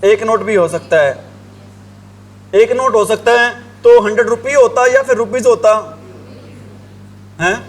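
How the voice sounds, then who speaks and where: Pausing often and keeping a measured pace, this high-voiced man teaches English grammar. He writes on a board and repeats the same questions to the class again and again, supplying the answers himself.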